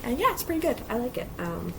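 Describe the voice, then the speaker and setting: This cross-stitch vlogger talks fast in a slightly high, creaky voice with big pitch swings. Chatty and rambling with many fillers, she records in her home basement craft area, sounds mildly stuffy from allergies, and has background noise behind her.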